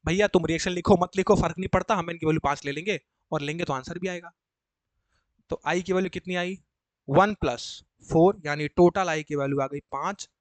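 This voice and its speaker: Male chemistry tutor, high-pitched, dry close sound, coaxing and repetitive classroom delivery. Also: a little fast, no echo. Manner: chatty, coaxing, repeats and quizzes students. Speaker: chemistry teacher. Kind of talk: live class explanation. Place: coaching classroom.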